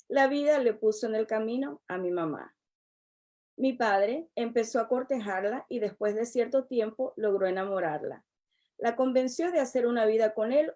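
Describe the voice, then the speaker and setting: A middle-aged woman, a relationship coach giving a prepared personal testimony in a measured, earnest way. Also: a little high, mellow. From El Salvador. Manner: measured, earnest, unhurried delivery.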